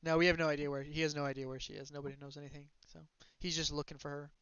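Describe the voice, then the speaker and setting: A man's voice: a little high, level tone, very fast, fairly bright tone, clean tone, no echo. Rambling man on a dull call. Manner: rambling, filler-heavy. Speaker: tabletop game player. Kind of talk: casual chat.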